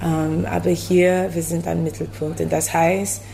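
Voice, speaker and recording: Low-voiced American woman speaking German. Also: flat delivery, gravelly, warm tone, a little hiss or hum. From USA. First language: English. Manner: halting, searching for words, many fillers. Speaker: café owner. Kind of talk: interview answers.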